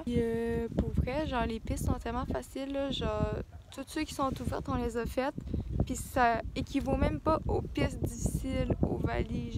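Filming herself indoors in a small apartment, a Quebec French-accented vlogger in her twenties chats casually, rambling with plenty of fillers. She speaks at a fairly high pitch into a handheld camera at arm's length, and background noise is audible.

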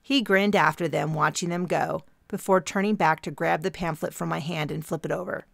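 Gravelly low-voiced woman narrator. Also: steady tone, normal speed, no room sound, studio quality. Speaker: audiobook narrator. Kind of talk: first-person audiobook narration.

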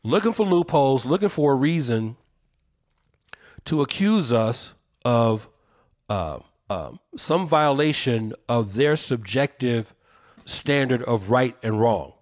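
A man's voice: medium pitch, animated, slow, darkish tone. A man co-hosting a podcast, talking in an emphatic, preacherly way and drawing out the words he stresses. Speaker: podcast co-host. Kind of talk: opinionated podcast commentary.

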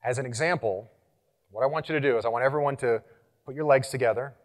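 A man speaking as a conference presenter, energetic and engaging, leading the audience through exercises and getting louder as he rallies the room. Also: mid-range voice, fast talker. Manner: animated, gets louder when rallying the room. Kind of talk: live conference talk.

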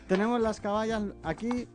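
Faint music accompanies a high-sitting male voice with a slight Catalan accent. He's a guest chef in a TV studio kitchen, giving a cooking demonstration, and he patiently explains each step, frequently checking in with a quick "eh?".

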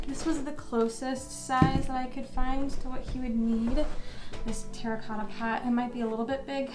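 Chatting casually at home, a young woman in her twenties gushes about the houseplants in her bedroom and laughs often in this vlog. Her voice is a little high, the recording has a roomy sound, and music plays in the background beneath her voice.

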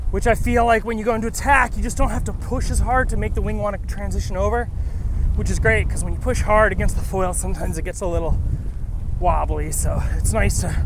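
A man filming himself wing foiling, chatting and joking between breaths as he rides. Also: high voice. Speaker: wing foiler filming his session. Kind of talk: casual self-filmed narration. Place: outdoors on the water. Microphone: action camera on the wing. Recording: windy outdoor action-cam audio. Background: wind and water noise.

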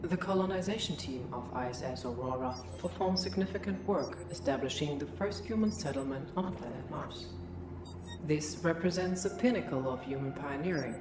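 A low-voiced female computer system speaks with synthetic processing and a formal, measured calm. It delivers scripted game briefings in an echoing space, with music behind it.

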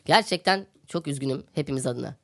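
A man's voice: medium pitch, quick pace. A man hosting a podcast, giving satirical news commentary in a sarcastic, ranting manner and repeating phrases for comic effect. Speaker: podcast host.

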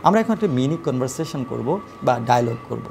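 Male English teacher, mid-pitched voice, slows down to spell out phrases, hesitant "uh" fillers, faint hiss in the background. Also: expressive, gravelly. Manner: slow, deliberate reading of example phrases with frequent "uh" fillers. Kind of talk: spoken English lesson.

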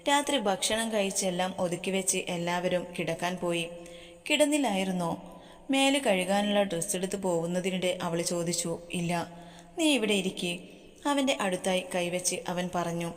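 A woman storyteller narrating a romance storybook in a gentle, steady reading. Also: on the low side, fairly quick, hardly any pauses. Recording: long hall reverb.

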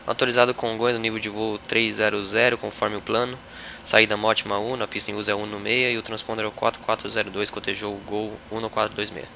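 A man acting as a virtual pilot, reading back air traffic clearances in clipped radio phrasing, heard over a radio link like a walkie-talkie. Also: on the low side, flat delivery, bright, forceful tone. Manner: clipped, rapid readback of clearances. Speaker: virtual airline pilot on a flight-sim network.

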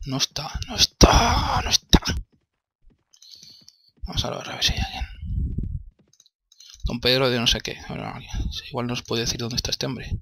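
This let's play features a young man from Spain, Spanish-accented, who mutters to himself, swears a lot, and sounds exasperated as he plays. His mid-range voice is sing-song, creaky, slightly rough, pushed and bright, at normal speed with long pauses.

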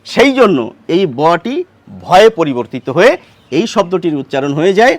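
High, lively male pronunciation teacher. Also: normal speed, no echo. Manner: patient, asks and answers his own questions. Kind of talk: explanatory grammar lesson.

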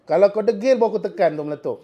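High-voiced Malaysian healer scolding a spirit. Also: male voice, racing, warm tone. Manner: scolding, coaxing and threatening in turn. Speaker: traditional healer. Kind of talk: talking to a spirit during a healing session.

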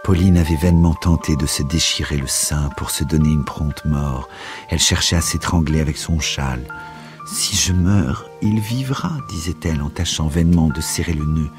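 A man reads a classic novel aloud for a radio broadcast, measured and expressive. His voice sits very low. Faint music runs underneath. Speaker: reader. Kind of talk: literary reading for radio.

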